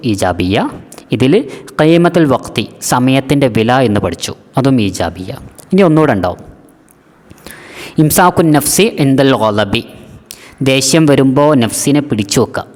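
A male teacher, mid-pitched, going over exam material patiently. He says the key terms more than once and keeps checking whether students understand. His voice carries a long echo, as in a reverberant room. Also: animated, moderate pace, a little mellow. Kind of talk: exam-prep lesson.

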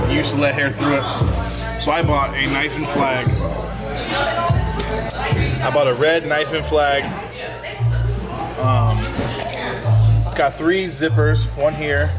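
A young man, a barber, chatting casually to a camera held at arm's length, first in his car and then in a busy barbershop, in relaxed slangy talk. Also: on the high side, rough recording. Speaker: barber vlogger. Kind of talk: casual vlog chat.

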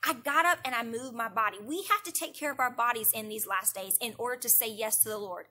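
A woman leads an online church devotional with a bright, fairly high voice. She talks earnestly and stacks repeated phrases for emphasis, building toward prayer. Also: fast talker. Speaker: youth director. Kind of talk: devotional talk. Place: indoors, online church broadcast.

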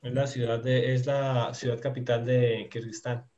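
A man teaching a live online class, explaining things patiently and filling his pauses with small words. His voice sits at an ordinary middle pitch. The call audio comes through dull and lo-fi. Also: level tone, mellow. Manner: patient, explanatory, full of fillers. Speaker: Turkish teacher. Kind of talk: live online language lesson.

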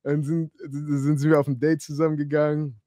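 A man's voice: on the high side, flat delivery, normal speed, mellow, no room sound, clean studio sound. A man in his thirties, a livestream host, casually telling personal stories to his chat, acting out quoted dialogue and laughing often. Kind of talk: casual storytelling to a live chat.

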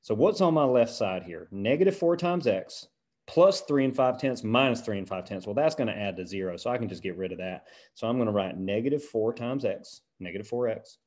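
A man's voice: mid-range voice, lively intonation, darkish tone, natural voice. A man doing a folksy country math teacher. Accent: put-on American country. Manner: folksy, drawn-out, checks in with "right?". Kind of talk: lesson video.

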